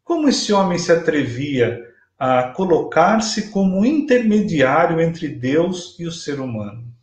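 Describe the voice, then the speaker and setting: Slow, measured Brazilian man lecturing. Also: a little high, a little mellow. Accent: Brazilian Portuguese. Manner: measured, emphatic retelling of a gospel story. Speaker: spiritist lecturer. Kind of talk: live-streamed religious lecture, storytelling. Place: small room at home, indoors. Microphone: webcam at desk distance, video call. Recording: echoey room via webcam.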